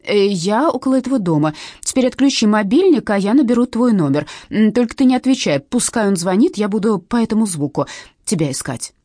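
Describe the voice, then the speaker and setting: A woman voicing a bossy, sharp-tongued young woman who scolds and mocks her friend in an audiobook story. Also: mid-range voice, lively intonation, brisk, no echo, studio quality, pitched above the performer's own voice, lightly acted. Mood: commanding. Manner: scolding and mocking.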